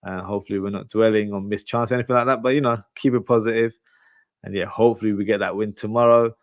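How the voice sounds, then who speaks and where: Speaking quickly with a fairly low pitch and a steady tone, a man hosts a casual live football preview, addressing viewers informally and reading their comments. His family is Pakistani, from Lahore, and Urdu is his first language, spoken at home. The audio is clean studio quality with no room sound.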